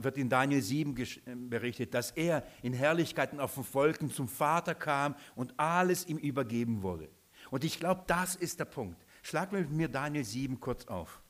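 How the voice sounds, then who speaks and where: A man preaching a sermon, emphatic, repeating his points and asking the listeners questions. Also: mid-range voice.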